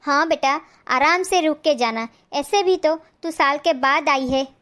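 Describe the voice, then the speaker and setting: Gentle, high-voiced woman playing a mother. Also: a little slow. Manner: soothing, gentle. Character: soothing mother. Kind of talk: comedy skit acting.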